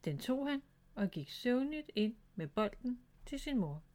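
A woman's voice: fairly high pitch, sing-song, warm tone. Woman reading a bedtime storybook. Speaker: storybook reader. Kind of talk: reading a children's story aloud.

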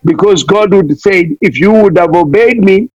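Speaking at a normal speed in a high, slightly mellow voice, this man from Kenya delivers an impassioned sermon as a visiting missionary, repeating his pleas and leaning on wordplay. The recording is dry, dull and lo-fi, with no room sound.

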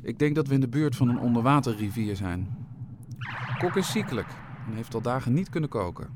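A man reading a children's adventure story aloud with an expressive, playful delivery. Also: mid-range voice, noisy background.

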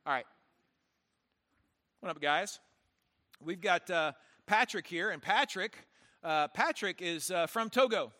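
A man preaching a sermon emphatically, with rhetorical questions and dramatic pauses. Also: high-pitched, animated, pushed and bright. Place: large church hall, on stage. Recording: reverberant large hall.

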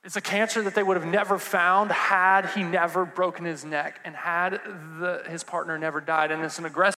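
A man preaching a sermon in a casual, conversational way, dropping to a hush and then rising to fervent emphasis. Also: sits high. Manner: swings from hushed to fervent emphasis. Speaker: pastor. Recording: long hall reverb.

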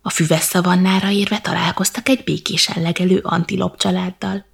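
A woman reading a bedtime story in a soft, slow, half-whispered manner. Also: fairly low pitch, flat delivery, vocal fry, slightly rough.

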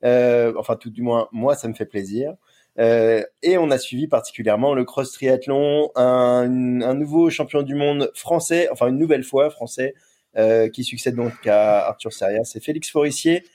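A man's voice: medium pitch, normal speed, dark tone. A man co-hosting a podcast, talking in a rambling way and repeating words. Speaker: podcast co-host. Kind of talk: casual podcast chat.

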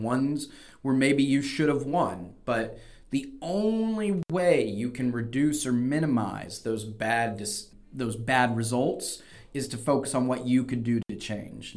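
A man hosting a conversational podcast, explaining his points and giving encouraging advice like a coach. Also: medium pitch. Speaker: podcast host and debate coach.

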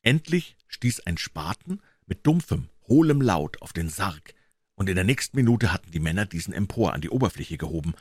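A man reading a classic novel aloud as an audiobook, in a measured, even storytelling manner. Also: sits low, breathy edge, no room sound. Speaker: audiobook reader.

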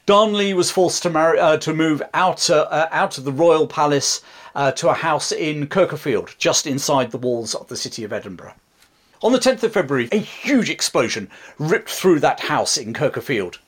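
A man tells history with real theatre in his voice, his pitch leaping up and dropping low for effect. He sits a little higher than most men and slips into friendly asides to the viewer between the dramatic beats. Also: expressive, moderate pace. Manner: dramatic storytelling with chatty asides. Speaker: history channel host. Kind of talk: history storytelling to camera.

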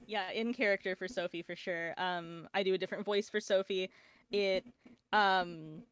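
A woman's voice: mid-range voice, fairly even intonation, moderate pace, clear, resonant tone. A woman guest on a casual podcast, chatting fondly and rambling with frequent restarts as she talks about her streaming characters. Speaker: podcast guest, VTuber and artist.

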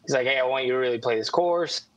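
Middle-aged male co-host, unhurried storyteller, dry close mic. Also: mid-range voice, no room sound, rough recording. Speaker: podcast co-host. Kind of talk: casual storytelling.

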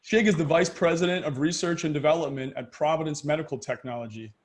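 A man hosting a podcast interview, reading a scripted intro and then chatting in a friendly, conversational way. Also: on the high side. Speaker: podcast host.

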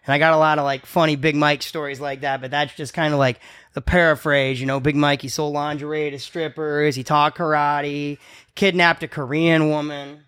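A man's voice: a little high, little pitch movement, moderate pace, fairly bright tone, smooth. A man in his forties telling crude, profane comedy stories in a casual podcast chat. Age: 40s. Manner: crude, profane, rambling anecdotes. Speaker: podcast host.

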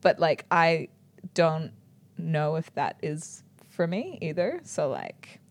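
NZ woman, deep fry-edged voice, reflective conversational read with soft trailing endings. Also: expressive, takes it slowly. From New Zealand. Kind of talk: casual conversation.

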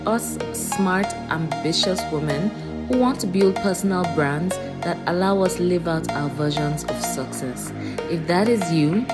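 Woman giving a podcast intro over loud music. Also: on the low side. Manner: slow, deliberate welcome. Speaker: podcast host.

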